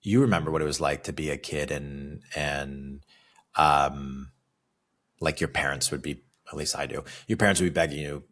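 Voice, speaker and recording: This California fitness coach has an extremely low pitch with a slightly bright tone and speaks at a moderate pace. Alone on his motivational podcast, he chats casually and often tacks a questioning "right?" onto his sentences.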